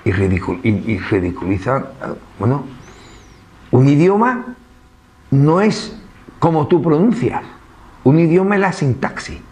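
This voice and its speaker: A man's voice: fairly high pitch, sing-song, unhurried, long pauses, a little mellow. A man with an Andalusian accent giving an informal public talk, conversational and full of rhetorical questions. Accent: Andalusian Spanish. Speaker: speaker at a book presentation.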